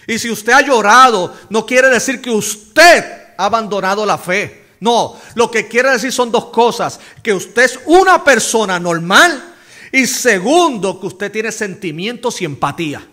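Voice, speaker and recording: A man preaching a sermon as pastor, emphatic, asking the congregation questions and dropping to hushed low phrases between loud stresses. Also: very animated, normal speed.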